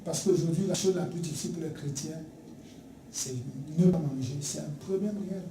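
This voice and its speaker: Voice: mid-range voice, fairly quick, recorded from a distance, noisy background. A preacher delivering a sermon emphatically, repeating key phrases and acting out little dialogues. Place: church sanctuary. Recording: echoey church recorded from afar.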